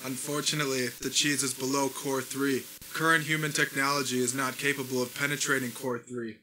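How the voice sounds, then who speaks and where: A man's voice: mid-range voice, flat delivery, brisk, pushed and bright, slight background noise, low-quality recording. A man playing a male alien envoy who makes stiff, formal announcements in a comedy sketch. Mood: solemn.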